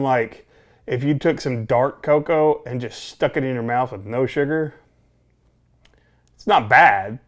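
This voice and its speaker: A man in his thirties giving a casual, unscripted review to camera in a rambling, musing way, correcting himself as he goes. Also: mid-range voice. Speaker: pipe tobacco reviewer. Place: small home office, indoors.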